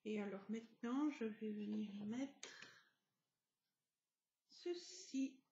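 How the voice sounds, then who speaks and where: A woman narrating a craft tutorial, explaining each step gently with soft asides. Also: medium pitch, takes it slowly, roomy sound. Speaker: craft video host. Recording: dull lo-fi home recording.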